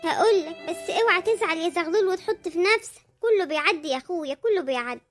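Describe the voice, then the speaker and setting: Cartoon housewife played by a woman, Egyptian accent, very high, quick, nagging and theatrical. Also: animated, a bit bright, soft background music. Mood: fretting. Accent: Egyptian Arabic. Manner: nagging, dramatic, lamenting. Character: chatty fretful Egyptian housewife, middle-aged. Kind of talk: comic cartoon voice acting.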